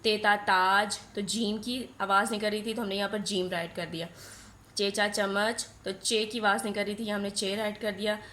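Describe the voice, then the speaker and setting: A woman teaching a nursery class, spelling out letters and sounds slowly and asking questions she then answers herself. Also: mid-range voice, level tone, a bit bright, slight background noise.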